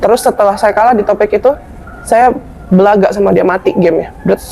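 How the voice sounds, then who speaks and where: A young adult woman, a guest telling her own story in a lively, colloquial way. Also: medium pitch, fairly quick, creaky, a little hiss or hum. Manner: animated, colloquial, acts out past dialogue. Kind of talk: conversational storytelling interview.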